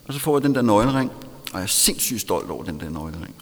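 A man's voice: lowish voice, sing-song. Man with a Danish accent in a reverberant hall. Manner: candid, self-mocking, laughs often. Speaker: storyteller recounting recovery. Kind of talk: personal storytelling talk.

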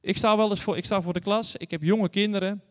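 A man's voice: high-pitched, fairly even intonation, a little fast. Earnest male preacher in an echoing church. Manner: earnest, storytelling, addresses congregation directly. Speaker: guest preacher. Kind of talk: sermon with Bible reading. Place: church hall. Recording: long church reverb.

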